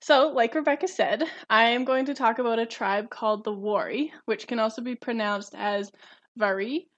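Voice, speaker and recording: A woman's voice: fairly high pitch, fairly even intonation, fairly quick. Young woman, eager, slightly muffled recording. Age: young adult. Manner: enthusiastic, student-like explaining. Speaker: podcast co-host. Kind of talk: casual podcast explanation. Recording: slightly dull lo-fi sound.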